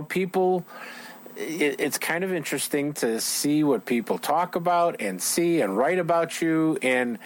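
A man hosting an outdoors show, chatting casually with a guest at a trade show, rambling with lots of fillers. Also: fairly high pitch.

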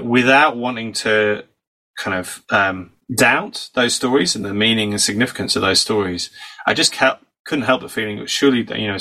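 In a low-quality recording, a man from the UK with a lowish, sharp voice appears on a conversational podcast as a guest. He's a psychology professor and author who explains fluently through stories, though a cold is wearing his voice down a little.

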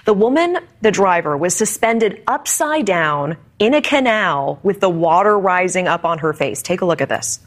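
A woman hosting a casual news talk show, telling stories in an animated, chatty way. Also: on the low side, moderate pace, few pauses. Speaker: host.

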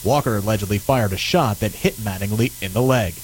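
A man's voice: lowish voice, a little fast, very noisy. A man reading a scripted radio news bulletin as the anchor.

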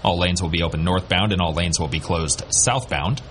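Deep voiced guy reading local radio news and weather, bit of noise behind. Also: normal speed. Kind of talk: scripted traffic and weather bulletin.

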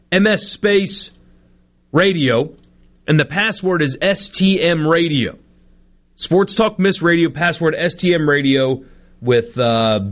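An American man hosting live sports talk radio in a casual, conversational way, spelling out details for listeners. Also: a little high.

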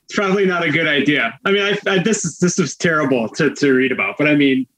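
A man's voice: on the high side, fast talker, a bit bright, slight background noise, low-quality recording. Hesitant male panelist. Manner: hesitant, many restarts. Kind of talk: casual news talk.

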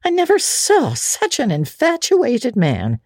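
A woman performs a strict, sharp-tongued older woman scolding briskly and sternly, pushing her exaggerated voice fairly high, above her own natural pitch, with wildly swooping intonation. The studio recording is clean, with no room sound.

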